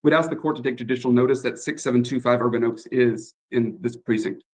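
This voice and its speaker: A hesitant man speaks formally to a judge, with a steady mid-range pitch, apologizing and filling pauses with ums. His voice comes through a video conference call that keeps breaking up and sounds faint and distant at times. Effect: choppy video conference call audio. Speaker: attorney for the landlord. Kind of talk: formal court hearing.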